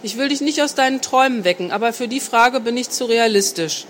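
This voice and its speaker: A woman voices a worldly, self-assured man in an adult audiobook. He talks smoothly and persuasively, with a teasing edge. The voice stays fairly high, with faint noise behind it. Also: fairly quick, natural voice. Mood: seductive. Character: confident seductive grown man, calm and worldly. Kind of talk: audiobook reading.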